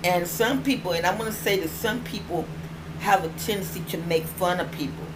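A woman's voice: lowish voice, brisk. Toothless middle-aged woman, noisy recording. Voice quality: toothless, slightly slurred articulation. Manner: rambling, repeats phrases for emphasis. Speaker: online show host. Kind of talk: casual vlog chat. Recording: clearly noisy home recording.

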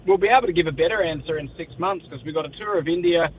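Muffled, higher-voiced Australian man talking sport. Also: very fast. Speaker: sports correspondent. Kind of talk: live radio sports interview chat. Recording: muffled, low-fi line with faint noise.

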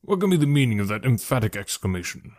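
A man voicing a calmly ironic middle-aged gentleman father in an audiobook, measured, formal and deadpan. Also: medium pitch. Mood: mock serious. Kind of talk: audiobook character voice.

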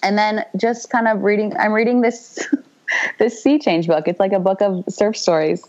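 A woman's voice: mid-range voice, moderate pace, highs cut off. A woman around thirty co-hosting a podcast, chatting in a rambling, storytelling way. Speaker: podcast co-host. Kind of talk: casual chat.

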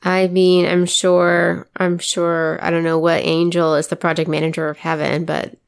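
Woman, gravelly and croaky from a cold, lowish pitch, casual podcast chat. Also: monotone, normal speed. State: getting over a cold. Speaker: podcast co-host.

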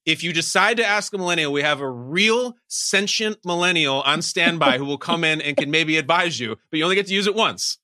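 A man's voice: fairly high pitch, expressive, brisk, hardly any pauses, pushed and bright, no room sound, studio quality. A man hosting a podcast quiz with emphatic, mock-dramatic showman banter. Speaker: podcast game show host. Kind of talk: high-energy game show hosting banter.

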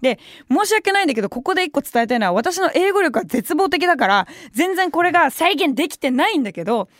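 A woman's voice: high-pitched, big pitch swings, quick pace, no echo. A young adult woman hosting a radio show, telling a story in a chatty way with wry asides from a studio microphone. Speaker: radio host. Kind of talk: casual radio talk.

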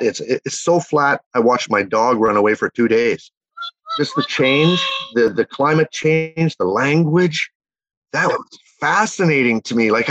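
A man's voice: medium pitch, a bit bright, dry recording, highs cut off. A Canadian man in his fifties, a guest telling long rambling stories with lots of fillers and restarts. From Winnipeg, Manitoba, Canada. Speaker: interview guest. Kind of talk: casual chat, reminiscing.

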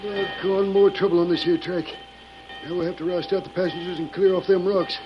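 An actor playing a railroad hand who grumbles in a folksy way, in 1940s radio acting style. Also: male voice, high voice, flat delivery, fairly quick, natural voice. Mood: grumbling. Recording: dull old radio recording with music behind.

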